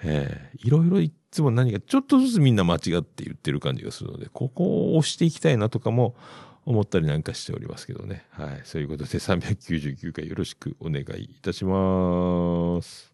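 A man's voice: low-pitched, sing-song, fairly quick, vocal fry, dark tone, dry recording, studio quality. A middle-aged man, hosting a casual solo radio-style show in a rambling, chatty way with self-amused asides. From Yamaguchi, Japan. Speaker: podcast host.

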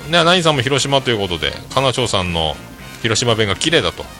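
A man's voice: mid-range voice, very animated, quick pace, bright, forceful tone, faint music behind. A man hosting a casual podcast, chatting and reading out listener messages, with frequent filler tags and self-deprecating asides. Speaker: podcast host.

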